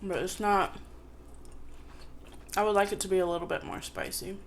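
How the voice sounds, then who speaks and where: A woman's voice: medium pitch, fairly even intonation, normal speed, a little hiss or hum. A woman chatting casually to viewers on an eating show, chewing as she talks and eating between phrases. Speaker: mukbang vlogger.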